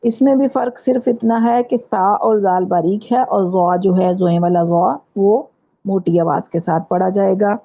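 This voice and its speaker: Gravelly-voiced woman teaching Quran recitation. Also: medium pitch, steady tone. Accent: Pakistani Urdu. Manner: patient, repeats letters slowly to demonstrate. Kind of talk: online tajweed lesson. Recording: dull lo-fi online class audio.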